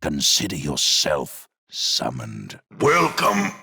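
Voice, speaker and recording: Video game villain: menacing general, very slow and hard-edged, gravelly, grandiose, sneering contempt. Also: male voice, a bass voice, wildly swooping pitch, pushed and bright, full character voice. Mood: grandiose menace. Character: menacing male general, megalomaniacal cold villain.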